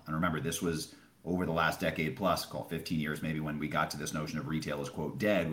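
A man with a very low voice talks as a financial analyst on a podcast. He explains in an emphatic, conversational way, often setting up a question and answering it, and the room adds noticeable echo. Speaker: Wall Street retail analyst. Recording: roomy, echoing sound.

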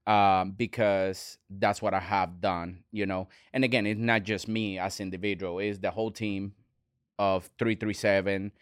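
Earnest man, smooth low voice. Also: little pitch movement, no echo, studio quality. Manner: earnest, halting, many restarts. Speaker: restaurant owner, guest. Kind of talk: casual interview talk.

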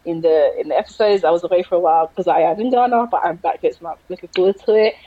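A woman in her late twenties with a South London accent co-hosts a podcast, chatting casually over a remote virtual recording. Her fairly low voice moves fast and sounds muffled, with no echo but clear background noise from the call.

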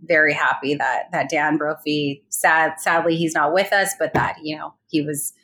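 Halting lower-pitched woman telling a story. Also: fairly even intonation, fairly bright tone. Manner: hesitant, many fillers and restarts. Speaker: guest recounting a colleague's murder. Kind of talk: casual interview storytelling.

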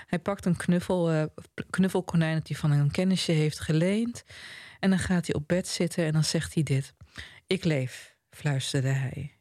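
A man co-hosting a casual book chat, telling the story with animation and reading passages aloud slowly. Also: on the high side, dry recording, clean studio sound. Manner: animated storyteller, reads quotes slowly and softly. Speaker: podcast co-host discussing a novel.

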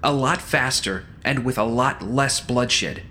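A man playing a calm, self-assured villainous schemer in an audio drama, talking in a smooth, persuasive, condescending way. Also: medium pitch, slow pace, slight background noise. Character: calm, self-assured male schemer defending his ruthless plan. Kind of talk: scripted audio drama acting.

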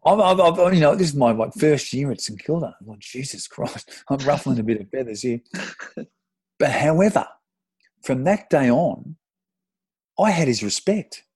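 A middle-aged Australian man, a former footballer, telling an animated, sweary anecdote with self-deprecating laughs in casual podcast chat. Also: mid-range voice, normal speed, pauses often, slightly rough, no echo. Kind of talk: casual storytelling.

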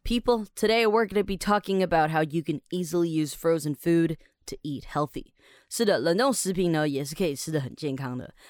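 A woman's voice: sits low, brisk, darkish tone, no echo, studio quality. A woman from Taiwan, hosting a podcast lesson as an English teacher. She is upbeat and chatty and explains words step by step.

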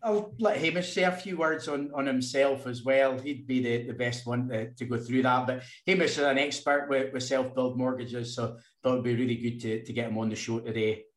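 A man co-hosting a podcast in casual chat, halting and repeating small words as he goes. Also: medium pitch, fairly even intonation. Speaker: podcast co-host. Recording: roomy, echoey sound.

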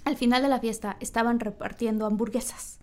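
A woman with a Mexican accent telling a story in casual chat, animated and full of fillers. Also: fairly high pitch, a little fast. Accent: Mexican Spanish. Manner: animated, acts out quoted voices, frequent fillers.

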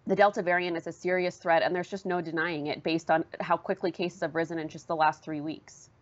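A woman reporter giving fluent, measured news analysis in an interview. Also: on the low side, flat delivery, muffled recording. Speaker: newspaper reporter guest.

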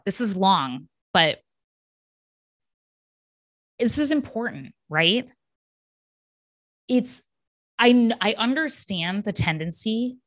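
An impassioned woman hosts a solo podcast from home. She speaks with emphatic conviction, leaning on repeated tag questions to pull listeners along. Her voice sits at an ordinary middle pitch and the recording is close and dry. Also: a bit bright, dry recording. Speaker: podcast host.

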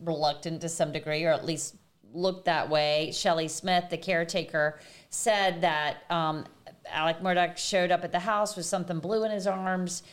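A woman co-hosting a casual panel discussion, lively and steering the conversation. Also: lowish voice, normal speed. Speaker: co-host.

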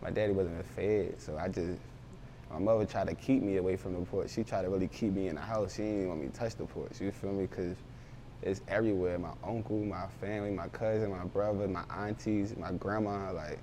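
A man's voice: deep voice, fairly even intonation, brisk, mellow, a little hiss or hum. A young man, a rapper, talking casually in an interview with loose, rambling street slang. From Baltimore, raised in Philadelphia.

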